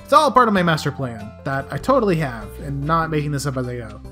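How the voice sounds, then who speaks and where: Low, scratchy young woman gaming casually. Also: very animated, quick pace. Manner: playful, chatty, talks to game characters. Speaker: let's play host. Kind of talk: casual game commentary. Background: soft game music.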